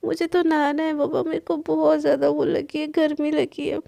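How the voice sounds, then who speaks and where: A woman voicing a sulky, scolding young woman in a spoken story, grumbling and quick to complain. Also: high voice, level tone, vocal fry, dark tone, no echo.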